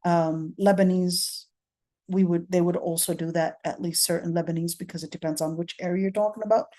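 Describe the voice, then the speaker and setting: With a fairly low, mellow voice and steady tone, a middle-aged Palestinian woman lectures a class on Quran commentary at a fairly quick pace. She walks through each step, frequently pausing to ask "okay?".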